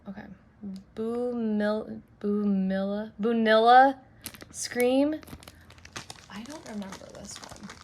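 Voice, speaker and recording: A woman who makes and sells wax melts, reviewing scents in a chatty, rambling way full of fillers and bubbly excitement. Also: mid-range voice, a little hiss or hum. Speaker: wax melt maker and shop owner.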